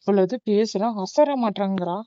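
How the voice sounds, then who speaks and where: A woman's voice: mid-range voice, moderate pace, mellow, smooth, no room sound, muffled recording, close to an everyday voice. A woman voicing a scheming middle-aged aunt who pleads and pushes emotionally. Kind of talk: cartoon voice acting.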